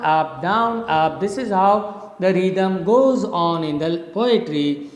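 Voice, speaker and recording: Casting note: unhurried male lecturer from India, patiently spelling things out, in a roomy space with a long echo. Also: on the high side. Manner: patient, repeats and spells out points. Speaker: English literature lecturer. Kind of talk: slow classroom explanation. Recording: echoey room with long reverb.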